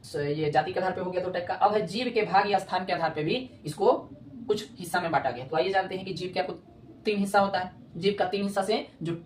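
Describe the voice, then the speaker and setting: A woman's voice: fairly low pitch, fast talker. A woman teaching grammar, repeating points and checking often whether students follow. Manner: repetitive, checks understanding often. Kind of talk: explanatory classroom lesson. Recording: echoey room with faint noise.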